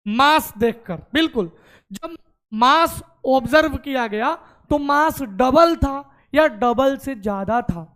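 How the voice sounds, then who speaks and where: Slow-talking man teaching a class. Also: very high voice. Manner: explains step by step, keeps quizzing the class. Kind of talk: classroom chemistry lecture. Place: classroom with students.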